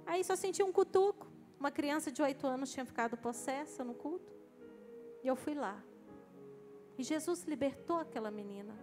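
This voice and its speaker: High-voiced woman preaching in church. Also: a little mellow, in a large hall. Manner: storytelling with quoted dialogue, rising to fervent preaching. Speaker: pastor. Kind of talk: sermon testimony. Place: church service.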